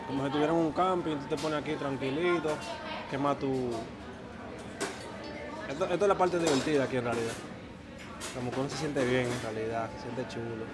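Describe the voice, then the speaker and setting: A man's voice: a little high, very noisy. A man, a food vlogger chatting enthusiastically at a restaurant table, repeating his phrases. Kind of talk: casual restaurant vlog. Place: busy restaurant. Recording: crowd chatter behind.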